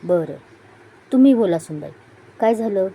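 A woman's voice: medium pitch, lively intonation, moderate pace, dark tone, slight background noise, lightly acted, poor audio. Woman reading as a stern old patriarch. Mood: calm. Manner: stern, commanding.

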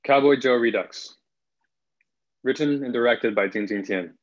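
A young man acts as narrator for a table read held over a video call from a plain room at home. He speaks a little slowly at a medium pitch, and the video-call audio sounds dull.

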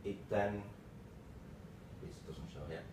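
Slowly and in clipped, broken bits, a low-voiced man presents a relaxed lightning talk with slides as a tech developer. Recorded by a camera mic far across a small meeting room, the audio is echoey and carries clearly audible noise.

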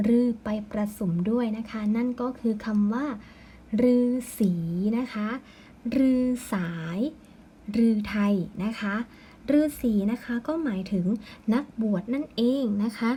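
A woman teacher giving a patient, slow recorded lesson, ending her phrases with polite particles. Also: fairly high pitch, dark tone, slight background noise.

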